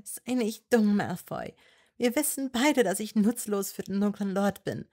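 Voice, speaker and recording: A woman's voice: medium pitch, measured pace, a little mellow, voice pushed up, close to an everyday voice. A woman reading a fan story and voicing a desperate young witch who presses and pleads insistently. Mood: urgent, challenging. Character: desperate, stubborn young witch held captive.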